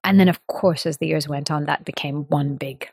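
Interview guest, woman, 30s; low and gravelly, thoughtful and unhurried, quick to laugh. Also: fairly even intonation, darkish tone. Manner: thoughtful, measured, laughs easily. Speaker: interview guest, sitar player. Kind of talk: relaxed conversational interview.

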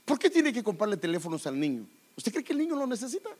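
A middle-aged male pastor preaching a sermon, animated and direct, often calling his listeners brother. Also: sits high, quick pace.

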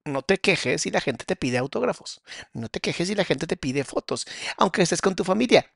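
A man's voice: on the high side, lively intonation, normal speed, gravelly, a bit bright, dry recording, studio quality. A man, a therapist host, commenting between clips and giving listeners direct advice.

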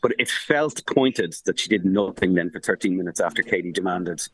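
A man, a sports journalist calling in from abroad who gives rapid, animated football analysis full of restarts and fillers. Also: low-pitched, breathy edge, dry recording, low-quality recording. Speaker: sports journalist reporting from the tournament. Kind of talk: casual podcast analysis. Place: remote link from abroad.

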